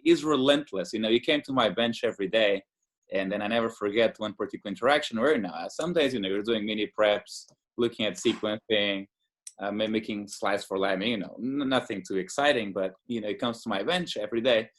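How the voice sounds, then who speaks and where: Brisk and fairly low-pitched, the immunologist guest, a Portuguese man in his thirties, chats enthusiastically in a relaxed interview. His speech is dotted with fillers and restarts.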